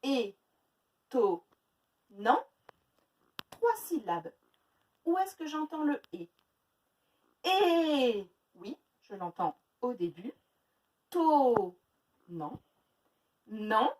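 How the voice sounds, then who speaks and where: A woman teaching a phonics lesson to young children, sounding out words slowly syllable by syllable. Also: on the high side, very animated, a little mellow, far from the mic, poor audio. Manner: slow, exaggerated syllable-by-syllable pronunciation. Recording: faint noise, voice a little off-mic.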